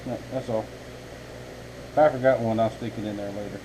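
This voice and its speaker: Chatting folksily with his audience, whom he addresses as y'all, a man who makes knives rambles through a casual vlog from his home workshop. He speaks briskly with a steady, lowish voice over a noisy background.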